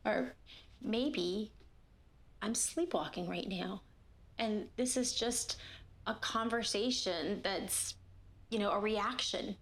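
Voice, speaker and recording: Weary, doubtful wife played by a woman, mid-pitched with vocal fry, drifting delivery, naturalistic horror film. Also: takes it slowly, pauses often, a bit bright. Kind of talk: naturalistic found-footage horror acting.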